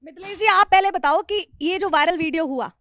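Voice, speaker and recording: A woman reporter conducting a field interview, asking lively, prompting questions. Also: extremely high pitch, fairly quick, dry recording, studio quality.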